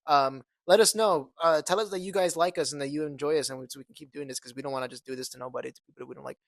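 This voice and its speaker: Young man, podcast co-host, slightly high voice, dry close sound, rambling chatter. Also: steady tone, rapid-fire, creaky, dry recording. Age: young adult. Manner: rambling, full of fillers and restarts. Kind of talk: casual chat.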